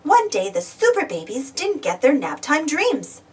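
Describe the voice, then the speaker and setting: A woman reads a storybook aloud for small children in a high voice, with huge pitch swings and a measured pace, tossing exclamations and questions to the young listener. Her animated read-aloud narration sounds somewhat distant from the microphone.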